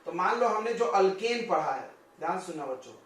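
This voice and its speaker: High-voiced male teacher in an echoey classroom. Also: animated, fairly bright tone. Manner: chatty, jokes with students, asks quick questions. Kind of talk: classroom chemistry lesson. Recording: very echoey classroom, distant mic.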